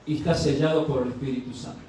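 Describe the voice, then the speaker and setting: A man's voice: mid-range voice, fairly even intonation, quick pace, mellow, a little hiss or hum. A male pastor preaching a sermon, asking the congregation questions and acting out short dialogues in a raised voice. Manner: asks the congregation questions and answers them; acts out dialogues with rising voice. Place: church sanctuary. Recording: distant mic in a very echoey church.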